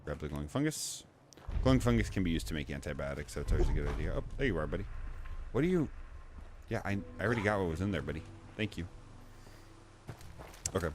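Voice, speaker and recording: Low-voiced man giving casual game commentary. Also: lively intonation, quick pace, long pauses, noisy background. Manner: rambling, self-correcting, chatty. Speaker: gaming video creator.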